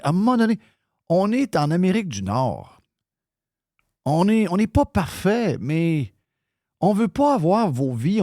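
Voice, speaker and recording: A man's voice: fairly high pitch, a little mellow, dry recording, studio quality. A man with a Québécois accent, hosting live radio talk in a heated, ranting way, swearing freely. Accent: Québécois French. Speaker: radio show host.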